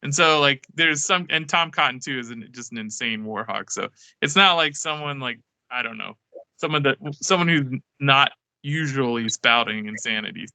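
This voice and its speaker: A man's voice: medium pitch, normal speed, gravelly, pushed and bright, no room sound, poor audio. A man speaking as a guest in a casual political chat, talking loosely and saying "like" often. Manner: loose, lots of "like".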